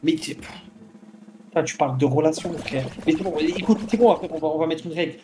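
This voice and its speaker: A man's voice: a little high, a little fast, noisy background. A man in casual, argumentative chat, reasoning insistently in slang with an exasperated, teasing edge.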